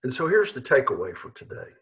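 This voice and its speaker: A man in his sixties, a pastor, delivering an earnest, measured sermon from his living room into a webcam. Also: medium pitch, wildly swooping pitch, a bit bright, low-quality recording. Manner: earnest, measured, with emphatic slowed phrases. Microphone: webcam at desk.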